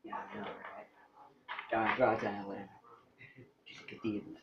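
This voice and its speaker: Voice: deep voice, flat delivery, normal speed. A young vlogger with a goofy, teasing manner who laughs a lot, chatting casually in a home kitchen. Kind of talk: casual joking chat. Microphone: camera mic across the room. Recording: echoey, distant, muffled and noisy.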